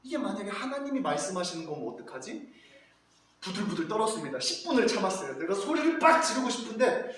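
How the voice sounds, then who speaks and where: Animated male pastor in an echoey hall. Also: high voice, fast. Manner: animated, acts out voices, asks children questions. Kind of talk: children's sermon. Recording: echoey hall, far from mic, faint noise.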